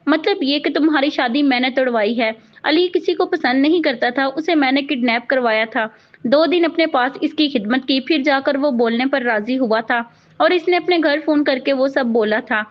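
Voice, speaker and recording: A woman's voice: sits high, normal speed, close to an everyday voice. A woman reading the lines of a proud, vengeful young doctor in a cold, biting tone. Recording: dull lo-fi audio.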